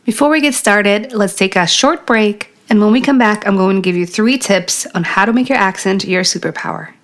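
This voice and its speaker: A woman's voice: mid-range voice, moderate pace. Earnest, encouraging woman podcast host. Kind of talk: solo podcast monologue.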